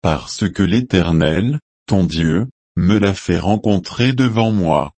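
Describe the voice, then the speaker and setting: A man voicing a younger son who passes himself off as his elder brother, in a slow, solemn reading. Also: low voice, lively intonation, a little mellow, no echo, exaggerated voice. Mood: earnest.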